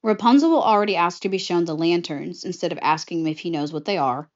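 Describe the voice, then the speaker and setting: Chatty woman pitching a film scene by scene, lower-pitched, expressive, lo-fi audio. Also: fast. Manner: animated, chatty, jumps into character voices. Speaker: vlogger pitching a film idea. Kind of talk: casual retelling of a movie pitch. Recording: slightly muffled lo-fi audio.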